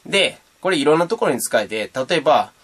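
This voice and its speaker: Lively man teaching beatboxing. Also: on the high side, a little fast, husky. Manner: lively, playful, demonstrates sounds. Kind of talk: casual video tutorial.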